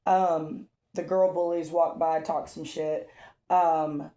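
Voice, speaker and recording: Woman, lower voice, casual tabletop game recap, roomy echo. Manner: relaxed storytelling with frequent fillers and profanity. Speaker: game master.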